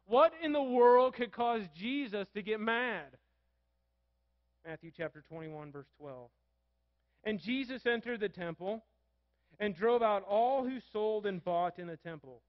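High-voiced pastor preaching a sermon. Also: male voice, unhurried, dry recording, muffled recording. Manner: asks the congregation questions, reads scripture aloud.

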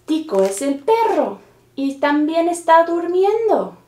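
Slow, gentle woman reading a storybook. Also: extremely high pitch, very animated. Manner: slow, gentle, coaxing storyteller who hushes and counts with the children. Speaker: children's librarian. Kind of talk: picture-book story time for young children. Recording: roomy echo.

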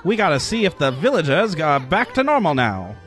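A man's voice: on the high side, very animated, fairly quick, fairly bright tone, faint music behind. A man voicing a cocky, tiny male wandering artist, reading game dialogue in a chatty, teasing way. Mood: admiring.

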